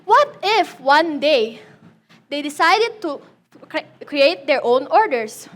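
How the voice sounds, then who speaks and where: Teen girl student, high voice, delivering a prepared thesis speech with dramatic flair. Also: sing-song, slow, a bit bright. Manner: dramatic, rhetorical questions. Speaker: student defending a senior thesis.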